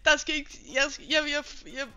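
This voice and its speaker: A young woman livestreams while overwhelmed, laughing through tears and swearing nonstop as she talks with her chat. Her high voice is flat yet pushed and bright, and the lo-fi stream audio sounds slightly muffled.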